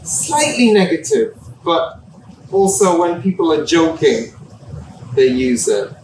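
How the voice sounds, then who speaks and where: A middle-aged man giving a relaxed university lecture, explaining with examples and laughing at himself. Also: on the high side, slow, a little hiss or hum. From England. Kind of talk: classroom lecture. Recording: echoey room, distant mic.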